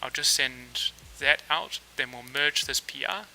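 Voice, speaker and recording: On a rough recording with faint hiss or hum, a relaxed Kiwi man streams himself coding and muses aloud, dropping plenty of fillers. His mid-range voice is unhurried and carries some vocal fry.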